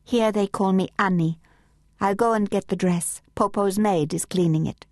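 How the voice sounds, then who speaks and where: A woman's voice: medium pitch, normal speed, a little mellow, no echo, clean studio sound, voice pushed up, close to an everyday voice. A woman reading an audiobook voices a proud teenage girl who speaks sulkily and curtly. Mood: sulky. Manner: sulky, curt.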